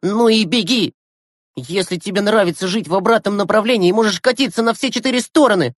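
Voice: medium pitch, fairly quick, no room sound, clean studio sound, voice pushed up, lightly acted. A reader voicing a cocky, hot-tempered sixth-grade boy who lashes out sarcastically in an audiobook. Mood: angry. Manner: brash, sarcastic outbursts. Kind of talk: audiobook character voice.

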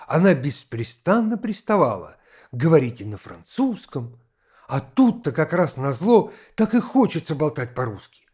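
Man, audiobook narrator, expressive storytelling, husky voice, higher pitch. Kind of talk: audiobook narration of a classic novel.

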